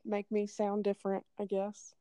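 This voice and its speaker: A young married woman co-hosting a casual podcast, easygoing and quick to giggle. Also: medium pitch, completely flat delivery, mellow, no echo. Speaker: podcast co-host.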